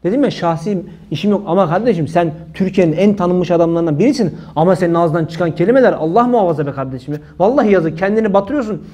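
A man's voice: high-pitched, animated, fast, few pauses, warm tone. A man giving an impassioned religious monologue, indignant and emphatic, repeating his phrases and using many pious formulas. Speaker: religious commentator.

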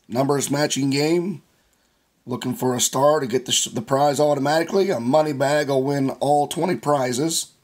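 Hosting his scratch-off ticket channel, a raspy, hoarse man who has lost some of his voice narrates a casual vlog in a slow, easygoing drawl. His husky, rough tone has a gravelly edge, medium in pitch and a little mellow, as he reads numbers off a ticket one at a time.

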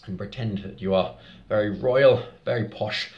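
A man teaching a vocal warm-up for children, giving short encouraging prompts and singing examples. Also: fairly low pitch, moderate pace, muffled recording.

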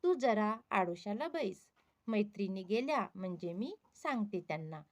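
A woman's voice: mid-range voice, animated, a little slow, natural voice. A woman voicing an anxious young palace maid who pleads and explains nervously. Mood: worried. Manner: pleading, worried.

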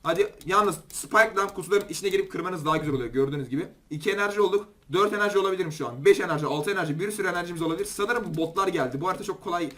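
Young male gaming commentator, Turkish accent, high and rapid, excitable and chatty with viewers. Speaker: gaming YouTuber. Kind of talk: gameplay commentary.

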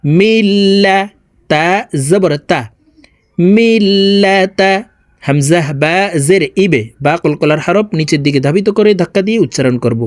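A man teaching Quran reading, spelling verses out letter by letter and chanting them slowly. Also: fairly high pitch, darkish tone, no echo, clean studio sound. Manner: slow, drawn-out syllable-by-syllable spelling with melodic recitation.

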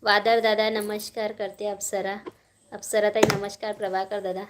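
A woman's voice: mid-range voice, flat delivery, moderate pace, noisy background. A woman with a Marathi accent chatting casually on a live stream at home, greeting viewers by name and coaxing a small child.

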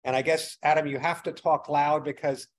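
A man's voice: a little high, steady tone, normal speed, poor audio. A man hosting a financial seminar in front of a live audience, talking casually, rambling a little, with lots of fillers. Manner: rambling, self-deprecating, many fillers. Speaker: seminar host, financial advisor. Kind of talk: casual opening remarks at a seminar. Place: event venue with a live audience.

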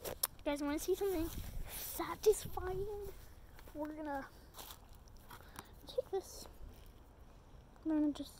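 A high, unhurried young woman talks her way through a home vlog, chatty and rambling. She gushes in baby talk to her dog. The recording is noisy. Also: dark tone. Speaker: vlogger. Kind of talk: casual vlog chat.

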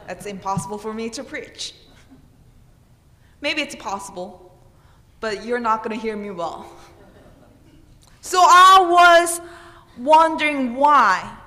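The sermon comes from a Korean-accented woman in her thirties, a pastor at the pulpit whose earnest preaching leans on emphatic questions. Her voice is slightly high, bright, and forceful, recorded via pulpit microphone in a roomy church with long reverb.

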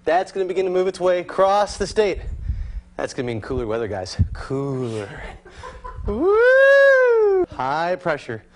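Excitable high-pitched weatherman. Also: brisk. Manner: excitable, exclaiming. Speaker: TV weather forecaster. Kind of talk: live weather forecast.

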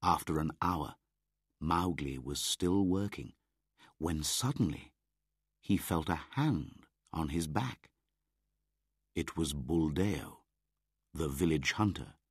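Deep, slow male audiobook narrator. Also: expressive, no room sound, studio quality. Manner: slow, clear, measured. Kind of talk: scripted narration of a graded reader.

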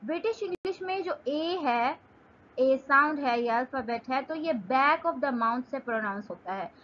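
A young Pakistani woman teaching English in an online lesson. She reads English definitions out slowly and then explains them in Urdu. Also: high voice, animated, fairly bright tone, muffled recording.

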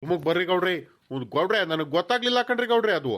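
A man's voice: high-pitched, animated, very fast, a bit bright. A man voicing a cocky young village man in a cartoon, speaking in a breezy, reassuring way.

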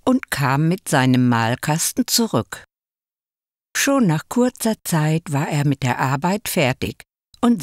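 A woman reading a fairy tale aloud in a calm, expressive way, close to the mic. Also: low voice, no echo. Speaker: storyteller.

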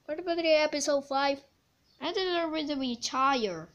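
A woman rambling through an improvised toy play narration, bursting into loud excited shouts. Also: high-pitched, moderate pace. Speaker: toy video maker.

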